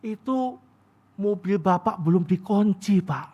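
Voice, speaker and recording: A man's voice: high-pitched, expressive, measured pace, highs cut off, voice pushed down. A male preacher quoting a polite church office clerk who apologises as he points out a problem. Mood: apologetic.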